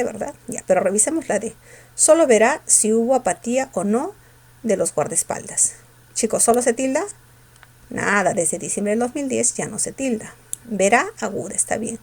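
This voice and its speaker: A woman teacher going over exam questions, asking her students quick questions and answering them herself. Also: on the high side, a little mellow, husky. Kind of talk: exam review lesson.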